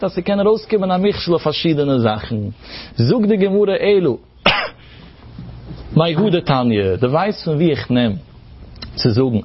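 A man's voice: on the high side, breathy edge, lo-fi sound. A man teaching a Talmud lesson in a sing-song explanatory cadence, mixing in Hebrew terms. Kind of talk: Talmud study lecture.

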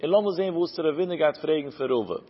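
Talking very fast in a fairly high, slightly rough voice, a man delivers a Talmud lecture. He lays things out step by step, asking and resolving his own questions, captured in a lo-fi recording with long hall reverb.

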